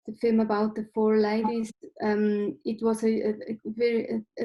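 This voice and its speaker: A Swiss film director in her forties speaks over a laptop webcam video call from a home room lined with bookshelves. Her voice is fairly high with a dark tone, the recording is rough, and she comes across as thoughtful, often restarting and using fillers.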